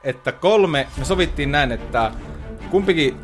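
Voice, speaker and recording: A man hosting a casual chat, playful and quick to laugh. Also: fairly high pitch, faint music behind. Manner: laughs often, lively and playful. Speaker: podcast host.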